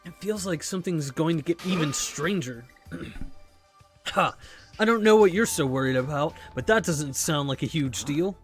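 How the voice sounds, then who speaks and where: A woman streamer reading game dialogue aloud, voicing every character in an animated way. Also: low voice, moderate pace, soft background music.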